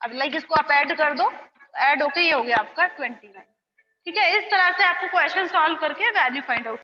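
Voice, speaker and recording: A woman's voice: high-pitched, animated. A woman maths teacher working through exponent problems step by step, with a habit of checking in often. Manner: slow, checks in with "theek hai" often. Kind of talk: classroom lesson, working through problems aloud. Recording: roomy, dull lo-fi classroom echo.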